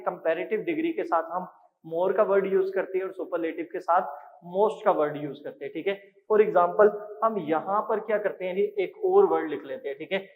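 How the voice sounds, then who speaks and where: A man teaching English grammar in a classroom lecture, explaining step by step and reading example sentences slowly. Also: high-pitched. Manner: explains step by step, often adds "ठीक है" and "जी". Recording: tinny phone-like sound with long reverb.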